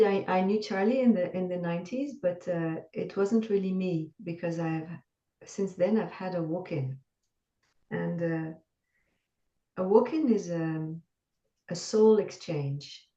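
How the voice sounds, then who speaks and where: A woman from France with a French accent, calmly and earnestly explaining her spiritual experience as an interview guest. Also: lowish voice, slow, pauses often. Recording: dull distant roomy call audio.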